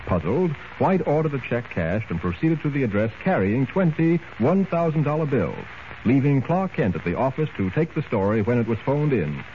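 A man narrating an old radio drama in a measured 1940s storytelling style, heard as an old radio broadcast. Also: medium pitch, very animated. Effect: old radio broadcast sound. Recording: dull lo-fi old radio recording, faint hiss.

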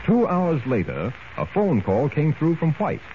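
A man narrating an old radio drama in a measured 1940s storytelling style, heard as an old radio broadcast. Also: a little high, wildly swooping pitch. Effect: old radio broadcast sound. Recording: dull lo-fi old radio recording, faint hiss.

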